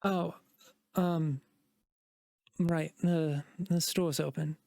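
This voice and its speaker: A man voicing a sleepy, slender young male elf shopkeeper who talks in a halting, hesitant way. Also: on the high side, steady tone, gravelly, darkish tone, no echo, full character voice. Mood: drowsy. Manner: hesitant and halting, full of ums.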